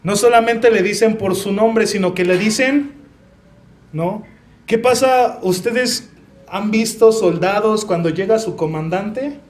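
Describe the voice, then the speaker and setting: A young man with a Mexican Spanish accent delivers a church sermon in a high, light voice. He talks slowly and earnestly, sharing his own story with the congregation. He checks in with his listeners through rhetorical questions. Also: darkish tone. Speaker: preacher.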